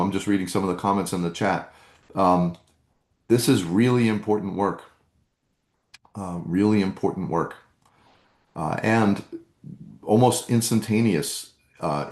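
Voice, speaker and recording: Deep-voiced man hosting a meditation workshop. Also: darkish tone, roomy sound. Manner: earnest, repetitive, coaching tone. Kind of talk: live-streamed workshop talk, reading chat comments.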